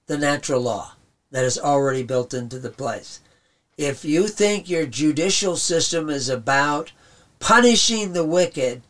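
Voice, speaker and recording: A man preaching in a rambling, conversational way with chuckles, his voice going hoarse. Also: medium pitch, fairly bright tone. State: losing his voice. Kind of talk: radio sermon talk.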